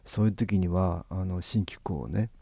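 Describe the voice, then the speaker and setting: A man hosting a radio talk show, chatting calmly and gently about qi healing and laughing softly now and then. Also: deep voice, normal speed, gravelly, no room sound. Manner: calm, gentle, explaining with soft laughs.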